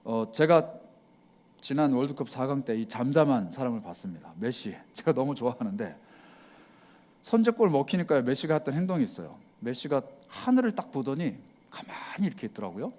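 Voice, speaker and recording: A man preaching a sermon as pastor, acting out prayers in cried-out voices and dropping to a hush on key words. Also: mid-range voice, very animated, a little fast. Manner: drops to a hushed voice on key words.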